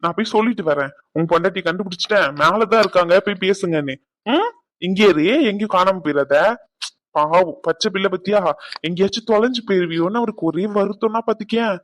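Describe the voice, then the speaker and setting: A man's voice: sits high, quick pace, lightly acted. A man voicing a playful young man in a cartoon who keeps mocking and teasing his friends. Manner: mocking, teasing, laughs often. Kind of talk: cartoon voice acting.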